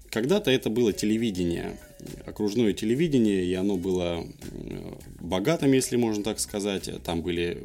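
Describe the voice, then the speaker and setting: A young man with a fairly low voice speaks as an interview guest. He tells things in a casual, conversational way, with faint music behind him. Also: vocal fry, warm tone. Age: young adult.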